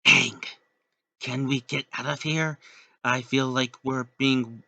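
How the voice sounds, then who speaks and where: A man's voice: medium pitch, fairly even intonation, slow pace, sharp tone, dry recording, heavily acted. A man voicing a wary, sensible young girl in a slightly raised, earnest voice.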